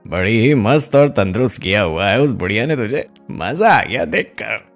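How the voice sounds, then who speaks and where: A man's voice: fairly low pitch, big pitch swings, moderate pace, gravelly, soft background music. A man voicing a greedy, scheming young goat thief who wheedles and mocks with a sly tone.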